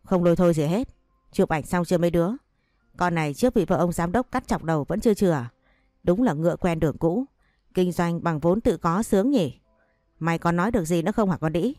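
A woman's voice: lowish voice, fairly quick, warm tone, no echo, studio quality, soft background music, lightly acted. Woman voicing a furious betrayed wife. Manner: scolding, cursing, threatening. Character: furious betrayed wife, sharp-tongued and vengeful.

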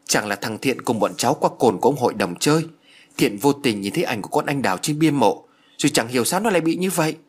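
A man's voice: mid-range voice, lively intonation, fast talker, breathy edge. A man voicing a polite young villager in an audio story who explains what happened. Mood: explaining.

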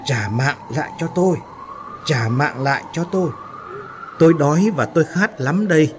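A man's voice: fairly high pitch, lively intonation, moderate pace, slight background noise, voice pushed up, natural voice. A man voicing a vengeful ghost with a mournful, wailing plea, in a spoken ghost story. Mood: lamenting. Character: wailing vengeful ghost demanding life back.

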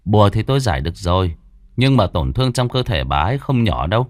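A man voicing a blunt, coarse middle-aged exorcist who talks in quick, brusque retorts. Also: fairly low pitch, sing-song, no echo, studio quality. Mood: calm.

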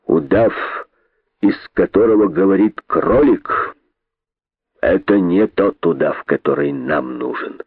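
A cold, contemptuous serpent ruler, put on by a male reader hisses out verdicts with unhurried menace. The storybook voice is husky and drops deep on its threats. It comes through thin and phone-like, with no room around it. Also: animated, no echo, heavily acted. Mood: menacing. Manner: slow, hissing, threatening. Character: scornful menacing old python king. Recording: dry tinny phone-like sound.

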